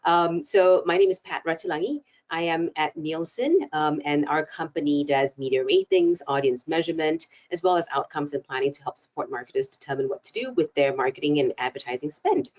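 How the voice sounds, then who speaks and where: A woman from Singapore with a notably low voice, explaining her work in a measured, steady way. She speaks over a video call with slightly muffled audio. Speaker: panelist, communications lead. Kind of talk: webinar panel introduction.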